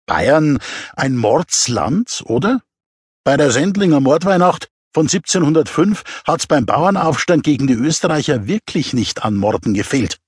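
A man's voice: mid-range voice, breathy edge, no echo, studio quality. A man narrating an audiobook in a wry, chatty storytelling manner with asides.

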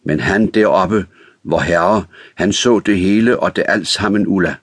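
A man voicing a simple, childlike and remorseful man in an audiobook, speaking in a halting, stammering way. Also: sits low, dry recording, clean studio sound. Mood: pleading. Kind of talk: audiobook reading.

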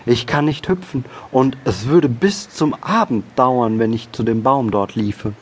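A man voicing a friendly, slow turtle in a children's audiobook, speaking softly and drawn-out. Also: mid-range voice, slightly rough, pitched above the performer's own voice. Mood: gentle.

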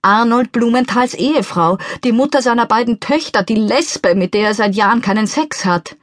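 A woman narrating a novel in the first person, with an expressive, measured reading. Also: fairly high pitch, no echo, clean studio sound. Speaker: audiobook narrator.

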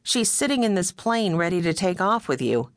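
A woman's voice: lowish voice, big pitch swings, normal speed, dry recording, clean studio sound. A woman narrator voicing a spirited young woman who scolds and teases in a wry way.

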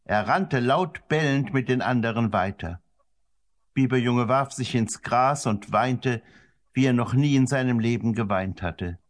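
A man narrating a children's story in a gentle, expressive way. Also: unhurried. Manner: gentle and expressive, varies the pitch to suit the story. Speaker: audiobook narrator.

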